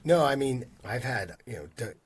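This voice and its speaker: A man's voice: mid-range voice, moderate pace, husky. A man in his fifties, a mortgage lender guest, telling work stories and acting out what customers said. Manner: animated storyteller who acts out quoted customers. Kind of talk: casual storytelling interview.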